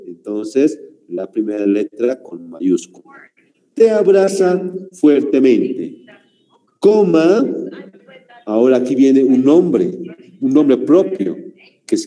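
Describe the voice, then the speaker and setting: A man with a Bolivian Spanish accent leads a grammar lesson at an unhurried pace, his dark voice rising and falling a lot. He keeps asking his students little questions as he explains each point. Long reverb hangs behind him. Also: mid-range voice. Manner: slow explaining teacher, asks rhetorical questions ending in ¿no?. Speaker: teacher. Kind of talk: online class lesson.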